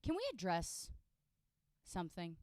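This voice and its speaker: A woman's voice: on the low side, big pitch swings, unhurried, a little mellow, no echo, clean studio sound. A woman co-hosting a casual comedy podcast, playful and emphatic with a mock-serious delivery. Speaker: podcast co-host.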